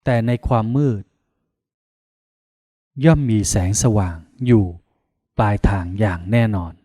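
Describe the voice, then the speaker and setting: A man from Thailand, a Buddhist monk, leading a guided meditation in slow, calm, soothing instructions with pauses. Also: lowish voice, no room sound, studio quality.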